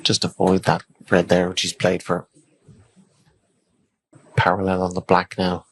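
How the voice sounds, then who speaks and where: Hushed, low-pitched man commentating on snooker. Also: completely flat delivery, breathy edge, low-quality recording. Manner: understated, measured remarks in short phrases. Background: faint noise and snooker ball clicks.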